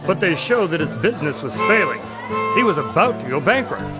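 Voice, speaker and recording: A man's voice: a little high, sing-song, brisk, loud music behind the voice. A man playing a long-suffering doctor, a detective's loyal sidekick in a radio drama, grudging and dryly humorous. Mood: mildly exasperated. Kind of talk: scripted radio drama acting and narration.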